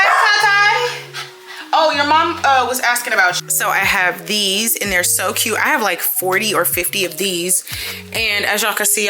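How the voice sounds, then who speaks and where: A woman's voice: mid-range voice, sharp tone. A woman in her thirties chatting casually at home in a vlog, candid and slangy, swearing freely. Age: 30s. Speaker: vlogger mom. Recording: echoey room with background music. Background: music.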